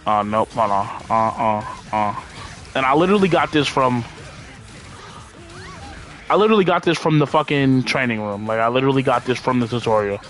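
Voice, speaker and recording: A man with a mid-pitched voice talks through a game as a streamer, with music playing behind him. He is laid-back and rambling, thinking aloud in casual slang with plenty of swearing. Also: a bit bright. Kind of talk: casual gameplay commentary.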